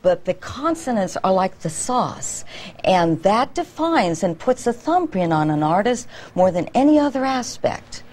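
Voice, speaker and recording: A woman's voice: medium pitch, very animated, a little slow, a little mellow. Articulate middle-aged woman vocal coach, leans into consonants, interview guest. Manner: articulate, demonstrative, stretches consonants. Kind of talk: morning show interview.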